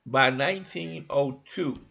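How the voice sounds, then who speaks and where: A man's voice: mid-range voice, unhurried, gravelly, background noise. A man giving a folksy, conversational history lecture, walking listeners through maps. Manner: folksy, conversational, asks listeners to think along. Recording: dull lo-fi recording.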